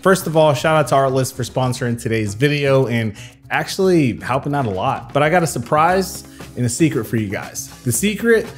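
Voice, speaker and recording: A young man in his twenties talks to camera in a relaxed vlog. His voice is stuffy and nasal while he recovers from an illness. He jokes easily about himself, with faint music underneath. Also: medium pitch, brisk. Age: 20s. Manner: chatty, joking, self-deprecating. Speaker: YouTube creator. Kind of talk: casual talking-to-camera vlog.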